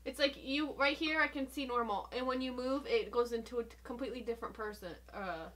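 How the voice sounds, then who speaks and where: Woman, middle-aged, higher-pitched, giggly and flustered, casual vlog chat, background noise. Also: brisk, a bit bright. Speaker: mother giving a makeover challenge.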